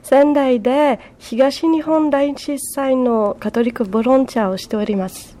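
A woman's voice: high-pitched, unhurried, warm tone. Woman answering in simple learner phrasing. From France. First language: French. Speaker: guest, language learner. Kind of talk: interview answers.

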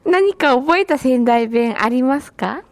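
A woman's voice: high voice, animated, unhurried. A woman hosting a radio interview show, formal, courteous and encouraging as she asks her guest questions. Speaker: radio host.

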